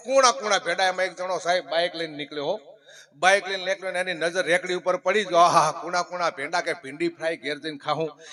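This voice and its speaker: Gujarati guy doing live comedy bits, high voice, acts out everyone, yells the punchlines. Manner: animated, acts out quoted characters, shouts punchlines. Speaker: folk comedian and storyteller at a devotional music program. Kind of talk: live stage comic storytelling.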